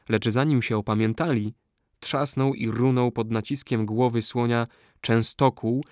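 A man reading a classic novel aloud as an audiobook narrator, in a measured, steady storytelling manner. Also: mid-range voice, no room sound, clean studio sound. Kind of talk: scripted narration.

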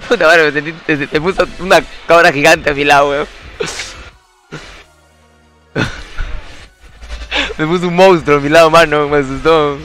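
Brief: young Peruvian man, streamer, teasing banter, slightly raised pitch, faint music underneath. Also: fairly even intonation, a little slow, pauses often, a bit bright. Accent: Peruvian Spanish. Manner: joking, teasing banter with frequent laughter. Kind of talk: casual live-stream chat.

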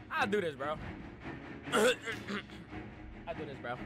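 Over music, a young man live-streaming a horror game talks to chat in casual slang, repeating his exasperated pleas. His voice sits high with big pitch swings and drawn-out words, strained like he's losing it, and he clears his throat often.

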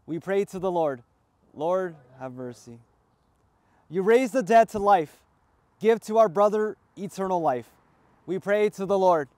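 A high-pitched male priest leads a burial service, reciting each prayer in a steady, measured liturgical cadence. His voice is dry and close, with no room around it. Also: no room sound. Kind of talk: graveside funeral rite.

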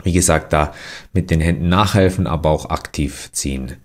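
A young man giving relaxed voice-over instructions for a mobility workout, with many fillers and restarts. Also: a bass voice, normal speed. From Germany. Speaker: athlete demonstrating exercises.

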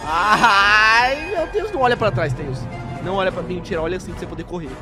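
An excitable man reacts in a wildly animated voice that rises and falls constantly. He moves between soft cooing and sudden screams, and loud music plays behind him. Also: high-pitched, fairly quick. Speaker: reaction video host. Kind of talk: reaction commentary.

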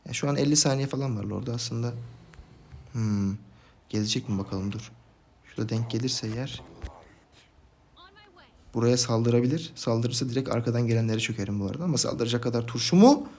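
A young man commentating his own gameplay for a video, swinging from calm play-by-play to frustrated outbursts at his teammates. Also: medium pitch, brisk, pauses often, a little hiss or hum. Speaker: gaming YouTuber.

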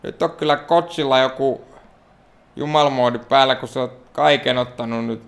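A gravelly, mid-range voice belongs to a Finnish gaming YouTuber playing a wrestling game. His let's play commentary is excitable and self-mocking, and he speaks to the characters on screen.

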